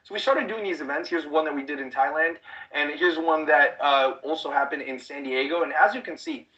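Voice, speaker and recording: Pushy, bright-voiced man pitching a webinar. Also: fairly quick, highs cut off. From United States, Chicago suburbs. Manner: pushy, repeats rhetorical check-in questions. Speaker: online business trainer.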